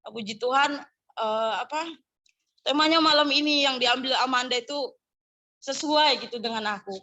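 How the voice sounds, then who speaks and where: A woman's voice: sits high, normal speed, bright, forceful tone. A young adult woman giving a candid, chatty personal testimony at a church gathering. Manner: candid, chatty, mixes in regional words.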